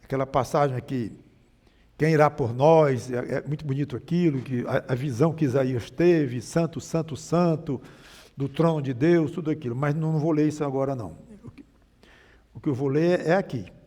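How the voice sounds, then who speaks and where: A man's voice: on the high side, brisk, warm tone, long reverb tail. A man preaching a sermon with a Brazilian Portuguese accent, emphatic, often shifting his volume and pace. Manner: emphatic, varies volume and pace, mimics mocking voices.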